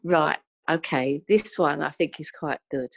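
A woman's voice: low-pitched, measured pace, gravelly, slight background noise. A middle-aged or older woman chatting casually as a podcast guest. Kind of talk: casual chat.

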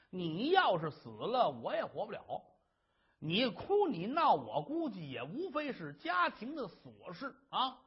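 A man's voice: extremely high pitch, husky, muffled recording, heavily acted. A man doing a fretting, coaxing husband. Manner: coaxing, earnest. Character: worried doting husband, a scholar, boastful.

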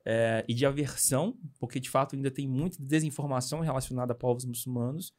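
A young Brazilian man, a missionary guest, telling his story in a casual interview with animated, hurried speech and frequent tag questions. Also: medium pitch. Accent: Brazilian Portuguese.

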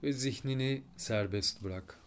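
A man with a mid-range voice leads a guided full-moon meditation. He speaks slowly and softly, giving breathing and relaxation instructions separated by long pauses.

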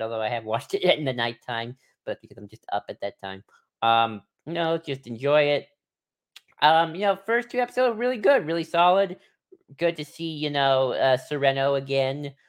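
A man co-hosting a live podcast in casual chat, musing in a relaxed way with many ums and you-knows. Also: medium pitch. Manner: easygoing, filler-heavy musing with laughs. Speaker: podcast co-host.

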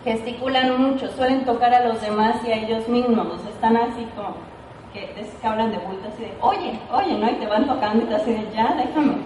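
A woman's voice: on the high side, fairly even intonation, quick pace, darkish tone, a little hiss or hum. A woman giving an informal training talk to a sales team, chatty and playful, often checking in with "ok?". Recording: echoey room, mic at a distance.

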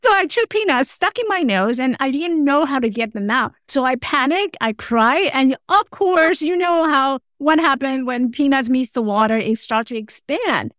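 In clean, studio-quality audio with no room sound, a woman from Taiwan tells her personal story as a podcast guest. Her high, slightly bright voice is animated yet earnest, and she halts, restarts phrases frequently, and slips on grammar here and there.

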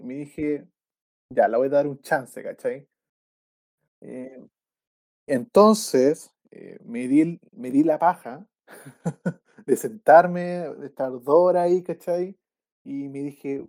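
A Chilean man on a casual film podcast with a mellow, warm tone. He talks in a relaxed, rambling way and tags his sentences with slang. His pitch sits in the middle range. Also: takes it slowly, long pauses. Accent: Chilean Spanish. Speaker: podcast co-host.

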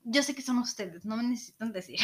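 A woman's voice: on the high side, normal speed. A woman co-hosting a podcast, telling a childhood story in casual chat, laughing often and acting out quotes. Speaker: podcast co-host.

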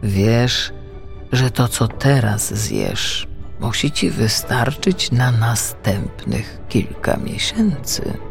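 Male narrator putting on a careful, orderly whale father; slow, creaky, animated. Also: mid-range voice, music in the background, exaggerated voice. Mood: questioning.

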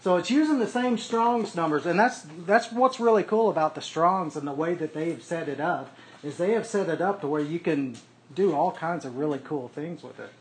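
A man with a somewhat high voice leads a small Bible study at a moderate pace, teaching casually as he explains word-study tools step by step and checks in with the group along the way. The room is echoey, with faint background noise.

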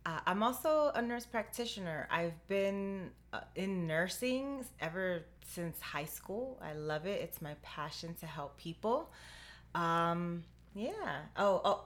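A woman's voice: fairly low pitch, lively intonation, unhurried. A woman in her thirties from Puerto Rico co-hosting a podcast, chatty and sometimes searching for words. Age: 30s. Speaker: podcast co-host. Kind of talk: casual podcast chat.

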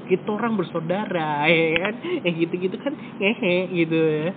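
A man's voice: sits high, fairly even intonation, moderate pace. A man hosting a casual conversation, talking in rambling, self-correcting runs with frequent fillers. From West Java. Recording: tinny phone-like audio with clear background noise.

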